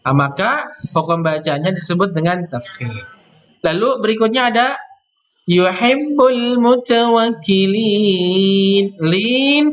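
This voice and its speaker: A man teaching Quran recitation rules, explaining step by step and slowly chanting verse words before each explanation. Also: sits high, pushed and bright. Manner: explains step by step, often ending with "ya".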